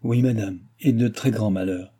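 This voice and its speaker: A man's voice: fairly low pitch, normal speed, dark tone, lightly acted. A man as a solemn, menacing sorcerer.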